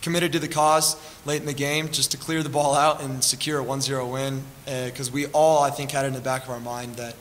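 A young American man talks as a goalkeeper in a post-game interview. He speaks quickly and rather flatly at a medium pitch, with a long hall reverb around him. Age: 20s. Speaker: college soccer goalkeeper. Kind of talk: post-game interview answers at a press table. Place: press conference table with backdrop. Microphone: table stand microphone. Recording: reverberant hall, faint room noise.

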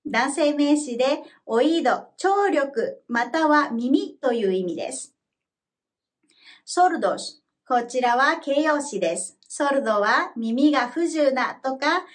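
A woman with a high voice teaches a language lesson from a script. She explains each word in a clear, measured way. Her delivery stays calm and even, like a teacher guiding learners through the material. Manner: slow, careful model pronunciation for repeating.

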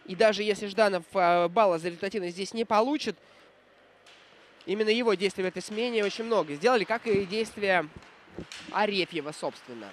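A man commentating live on ice hockey, reflective and analytical, often pausing mid-sentence to find his words. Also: high-pitched, slight background noise.

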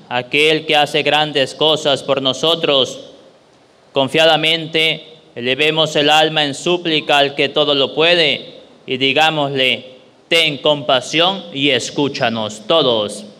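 Echoey, bright-voiced priest reciting. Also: male voice, fairly high pitch, fairly even intonation, measured pace, clear, resonant tone. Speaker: priest at Mass. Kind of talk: solemn liturgical recitation and prayer. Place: inside a small church. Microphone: handheld microphone through church speakers. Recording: echoey church hall, long reverb, background noise.

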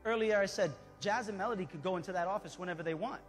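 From a church stage, a man in his thirties delivers a fervent, exhorting sermon, stopping at intervals for an interpreter before the congregation. His voice sits high and he talks very fast, with worship music playing behind him.

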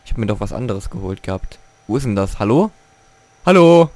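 A man giving casual gameplay commentary at home, excitable, swearing and grumbling at the game as he plays. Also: fairly low pitch, fast talker, no echo. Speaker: let's play gamer.

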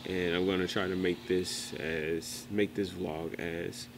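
A young man vlogging on a road trip, talking softly and haltingly with many fillers into a handheld camera at arm's length. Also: low-pitched, level tone, background noise. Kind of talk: casual travel vlog.

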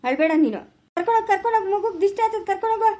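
A woman's voice: very high-pitched, expressive, very fast. A woman playing a defiant village son. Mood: soothing. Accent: rural Chikkaballapura Kannada. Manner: curt, dismissive, then soft cooing with a baby. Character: grown village son, defiant and sharp-tongued. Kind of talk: amateur family skit.

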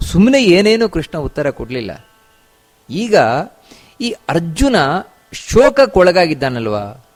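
A man with a raised, fairly high voice teaches from scripture in a spiritual discourse. He leans on repetition and rhetorical questions to drive each point home. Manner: repeats phrases and asks rhetorical questions; chants verses slowly in song. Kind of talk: religious discourse explaining scripture.

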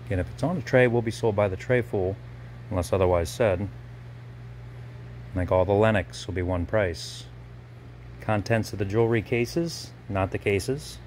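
Brief: lower-voiced man, brisk auctioneer walkthrough, phone-filmed, faint background hum. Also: a little mellow. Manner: brisk item-by-item listing. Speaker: auctioneer previewing lots. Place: large auction gallery warehouse. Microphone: handheld phone camera.

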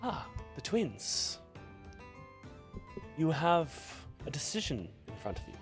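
A man's voice: a little high, big pitch swings, voice pushed up. Man voicing a mysterious elven fortune teller woman. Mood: portentous. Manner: fortune-teller patter, slow portentous card reading. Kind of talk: tabletop role-play. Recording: music playing behind the voice.

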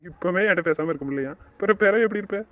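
A man's voice: high-pitched, rapid-fire. A man in a romantic audio drama, scolding and teasing his partner in a bossy way. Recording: dull lo-fi recording.

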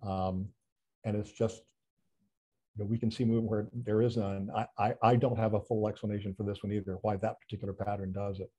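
A man with a husky, mellow voice talks through a presentation over a video call. His delivery is chatty and self-deprecating, full of restarts and little fillers as he thinks aloud. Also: fairly low pitch, little pitch movement, fairly quick. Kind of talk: casual online talk presentation.

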